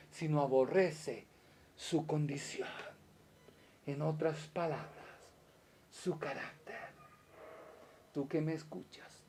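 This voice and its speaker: A man preaching a Bible study sermon, dramatic, swinging between loud emphasis and hushed asides. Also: a little high, creaky, a little hiss or hum.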